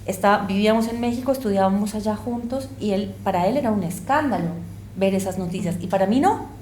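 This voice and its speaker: A woman from El Salvador and Colombia speaks as an interview guest, earnest and impassioned, reflecting aloud. Her voice is mellow and darkish, and the room around her is echoey, with a faint hiss behind. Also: mid-range voice, fairly quick. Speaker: guest, university lecturer and researcher. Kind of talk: conversational interview.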